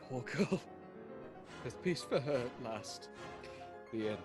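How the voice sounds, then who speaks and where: An actor playing an earnest, solemn doctor who narrates his journal in a measured, dramatic way. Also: medium pitch, lively intonation, music in the background. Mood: grieving. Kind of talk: radio play narration and acting.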